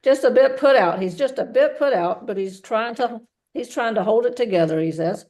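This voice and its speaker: A woman working as a medium, relaying a spirit's messages in a halting way, often repeating words. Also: a little high, a little mellow. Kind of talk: mediumship reading.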